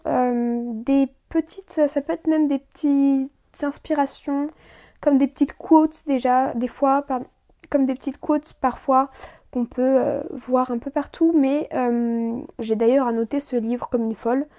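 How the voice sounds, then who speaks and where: Chatty high-voiced woman podcaster. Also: steady tone, unhurried, dark tone. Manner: chatty, many fillers and restarts. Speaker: podcast host. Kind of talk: casual solo podcast chat.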